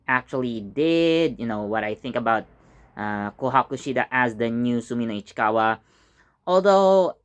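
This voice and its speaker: A man's voice: mid-range voice, clean tone. A man hosting his channel, casually reviewing a TV episode in a chatty, rambling way with lots of fillers and self-corrections.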